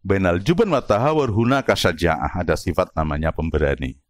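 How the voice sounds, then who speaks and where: A middle-aged man giving a lively religious philosophy lesson, explaining with rhetorical questions and examples and slipping in Arabic and words. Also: low voice, fairly quick, no room sound, clean studio sound. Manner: mixes in Arabic and Javanese words. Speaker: Islamic philosophy teacher. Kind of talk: lively religious study lecture.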